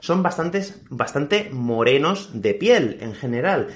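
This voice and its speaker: Man from Spain teaching Spanish, lively pitch. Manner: repeats key words slowly and checks with "¿ok?". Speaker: Spanish teacher, podcast host. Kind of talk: slow, clear teaching podcast for learners.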